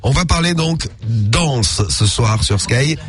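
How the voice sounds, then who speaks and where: A man's voice: medium pitch, lively intonation, takes it slowly. A man hosting live talk radio with bantering delivery, speaking through a nose blocked by a cold. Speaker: radio host. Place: radio studio. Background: music bed.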